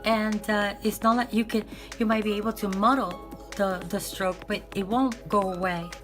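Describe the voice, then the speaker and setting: A raspy-voiced woman, worn out with bronchitis, chats casually in an ASMR unboxing vlog, rambling and often correcting herself. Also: mid-range voice, fairly even intonation, moderate pace, music in the background. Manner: rambling, hesitant, self-correcting. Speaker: art supply vlogger.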